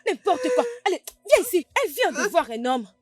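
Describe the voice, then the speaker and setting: A shrill bossy young woman. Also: big pitch swings, a little fast. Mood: angry. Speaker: spoiled daughter. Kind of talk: French dub of a film.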